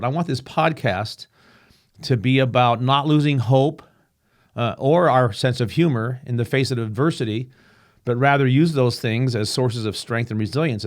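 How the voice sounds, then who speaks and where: Seated at home in front of a painting, a podcast host delivers a reflective solo monologue. His mid-range voice is slightly rough, and his earnest delivery is halting, full of fillers and frequent restarts.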